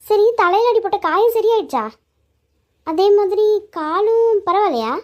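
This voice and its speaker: A woman's voice: extremely high pitch, lively intonation, unhurried, lo-fi sound. A woman voicing a sulky, affectionate young woman in a cartoon, pouting and insistent. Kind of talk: cartoon voice acting.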